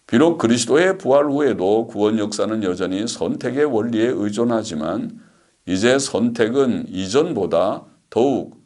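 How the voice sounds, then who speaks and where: A man's voice: mid-range voice, a little mellow. A man, a pastor, giving a theology lecture, reading passages aloud and then explaining them with frequent fillers.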